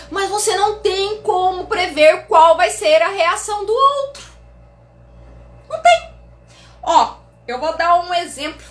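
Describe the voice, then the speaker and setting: High, bright Brazilian woman urging listeners on. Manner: emphatic, urging, repeats commands, blunt and joking. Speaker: psychologist and business consultant. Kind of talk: motivational live stream talk. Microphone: phone mic. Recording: roomy live stream audio.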